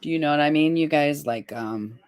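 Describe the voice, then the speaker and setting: A woman in her fifties hosts a casual livestream, chatting away and reading viewers' comments aloud with laughs. She has a deep, slightly mellow voice and talks at a normal speed.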